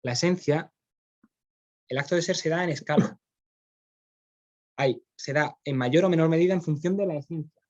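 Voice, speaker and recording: A man's voice: on the high side, darkish tone, highs cut off. A man with a Spanish accent, teaching philosophy in a classroom, explaining step by step and often checking in with his students. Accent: Spain. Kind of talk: classroom lecture.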